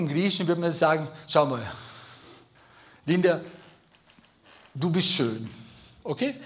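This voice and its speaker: A man preaching a sermon in a lively, emphatic way, speaking straight to his congregation. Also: on the high side. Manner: lively, emphatic, addresses listeners directly.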